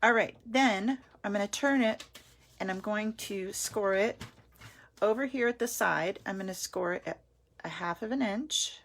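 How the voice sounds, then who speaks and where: Host: chatty woman, mid pitch, running a friendly live craft class. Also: a little slow, creaky, fairly bright tone, slight background noise. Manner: chatty, greets viewers by name. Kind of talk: live online craft tutorial.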